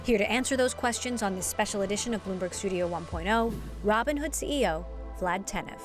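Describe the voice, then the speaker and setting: Crisp woman interview host. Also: medium pitch, fairly quick, music in the background. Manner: crisp, scripted. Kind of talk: interview questions and narrated intro.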